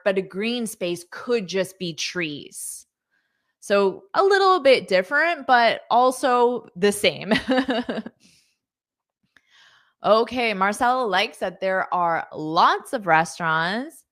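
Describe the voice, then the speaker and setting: Slow, patient woman teaching English. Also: mid-range voice, animated, a bit bright. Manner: patient, explains slowly and repeats words; reads out viewer comments and praises them. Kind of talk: live online English lesson.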